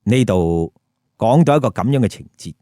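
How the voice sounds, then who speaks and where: This storyteller host speaks with a Hong Kong Cantonese accent in a lowish, dark voice with lively intonation at a moderate pace. He peppers his story with colloquial, emphatic remarks and rhetorical questions, captured in a dry, clean studio recording.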